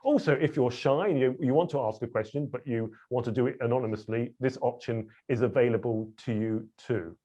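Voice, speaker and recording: A man's voice: mid-range voice, fairly quick, hardly any pauses, mellow. A man hosting a webinar, chatty and a little self-deprecating, with frequent fillers. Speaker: webinar host. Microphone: video call. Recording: dull lo-fi video call audio.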